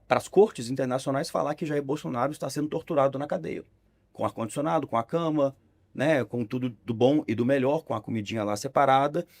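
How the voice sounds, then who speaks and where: A man in his twenties from Brazil, a young politician talking as a podcast guest in a sarcastic, animated way. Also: a little high. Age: 20s. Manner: animated, sarcastic, lively intonation. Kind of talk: casual podcast conversation.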